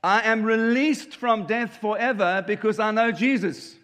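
With a voice that sits high, a bit bright and a little slow, the South African preacher in his 50s speaks earnestly in short, emphatic lines for an interpreter to follow. The guest sermon echoes with long reverb in the church hall.

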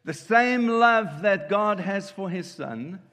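A man preaches with earnest emphasis, repeating his key lines. His voice sits fairly high for a man. It rings through a church hall with long reverb. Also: expressive, takes it slowly, a bit bright. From South Africa. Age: 50s. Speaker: guest preacher. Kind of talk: sermon with live interpreter.

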